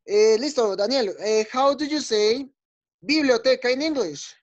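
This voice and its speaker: A male schoolteacher runs a class for young kids over a video call. He speaks patiently and encouragingly, saying words over and over and pausing to check that everyone follows. The sound is dull and lo-fi, as from a laptop microphone. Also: very high voice. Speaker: teacher. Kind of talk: online class for young children.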